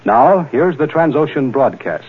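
Husky man reading 1940s radio news. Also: mid-range voice, sing-song. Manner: formal, measured announcer delivery. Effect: scratchy 1940s radio broadcast recording. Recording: tinny lo-fi archival radio recording.

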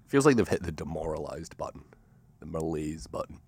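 A man's voice: rumbling low, animated, fairly quick, a little mellow, slightly rough. A young man co-hosting a casual sports podcast, joking in a dry way. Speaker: podcast co-host.

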